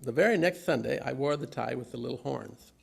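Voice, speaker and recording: Working from notes, an older preacher gives a humorous sermon full of anecdotes, speaking in measured, deliberate phrases. His medium-pitched voice is gravelly and creaky.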